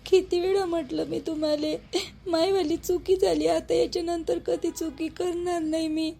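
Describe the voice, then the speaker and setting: A woman's voice: high voice, level tone, normal speed, gravelly, mellow, slight background noise. A woman playing a tearful young daughter-in-law pleading with her husband, crying, in a Vidarbha Marathi dialect. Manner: pleading, apologetic.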